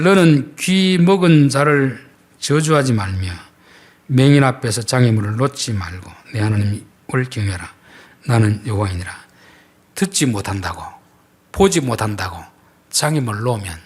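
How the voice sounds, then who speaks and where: Husky-voiced male pastor preaching. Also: medium pitch. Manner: emphatic, asks rhetorical questions; shifts between loud stress and quiet asides. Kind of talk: sermon.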